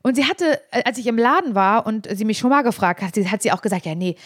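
A woman co-hosting a podcast in casual chat, telling an animated story and acting out the voices of the people in it. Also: a little high, fast, dry recording, studio quality. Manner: animated storyteller who acts out quoted voices. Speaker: podcast co-host. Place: Berlin.

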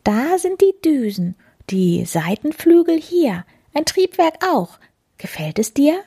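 A woman voicing a chatty, excited female cat in a children's story, breathy and high. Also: slow, full character voice. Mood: eager.

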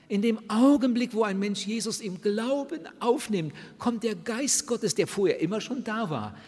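Husky-voiced older male preacher in a hall. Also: high-pitched, darkish tone. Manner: earnest, addresses new converts directly, voices quoted prayers. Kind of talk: sermon. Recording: reverberant hall, somewhat husky sound.

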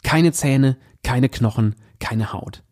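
A man's voice: medium pitch, slow, darkish tone. A man reading aloud the lines of a stubborn young man who speaks curtly and with disgust to his fiancée. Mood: scornful. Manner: curt and scornful.

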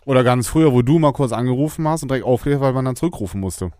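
A man's voice: medium pitch, animated, very fast, dark tone, no room sound. A man co-hosting a podcast, tossing in short, dry quips. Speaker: podcast co-host. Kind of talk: casual banter.

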